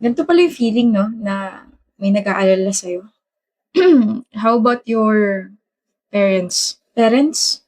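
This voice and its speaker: A woman's voice: mid-range voice, expressive, slow, pauses often, a little mellow. A woman acting out a romantic skit, trading teasing, bickering lines. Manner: teasing, bickering back-and-forth. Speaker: skit actor. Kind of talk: scripted romantic skit dialogue.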